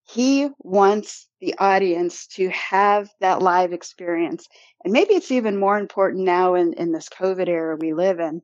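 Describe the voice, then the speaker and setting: A woman's voice: lowish voice, a little slow, a little mellow, no echo, muffled recording. A woman with a Midwestern accent, a podcast host who is the guest in a casual interview, chatty and laughing often.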